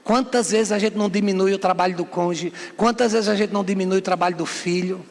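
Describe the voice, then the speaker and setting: High-voiced, gravelly male preacher in a reverberant hall. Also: steady tone, quick pace. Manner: fiery, rhetorical questions, acts out scenes. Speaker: bishop preaching. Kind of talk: sermon. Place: church hall. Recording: long reverb of a church hall.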